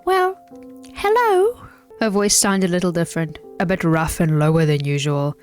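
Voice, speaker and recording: A woman's voice: low-pitched, fairly quick, darkish tone, faint music behind. A woman playing through a story game, reading its text aloud and breaking off into sarcastic, rambling jokes. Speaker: gaming video creator.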